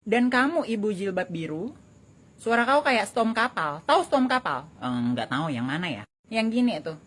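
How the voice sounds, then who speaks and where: A woman's voice: mid-range voice, very animated, moderate pace, a bit bright, husky. A woman performing a comedy sketch, switching between exaggerated bickering characters. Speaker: comedic sketch creator playing many characters.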